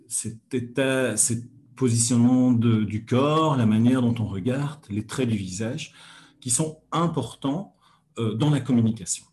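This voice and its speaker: A man hosting a weekly hypnosis lesson, talking calmly with frequent hesitant pauses and fillers. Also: mid-range voice. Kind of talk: calm teaching talk on a livestream.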